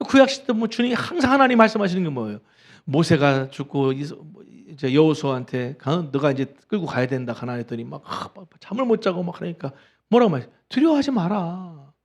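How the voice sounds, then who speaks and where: A middle-aged man preaching from the pulpit with a somewhat high voice. He tells the story with animation and acts out the voices he quotes. He keeps asking the congregation questions as he goes. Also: a little mellow. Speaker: pastor. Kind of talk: sermon. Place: church sanctuary.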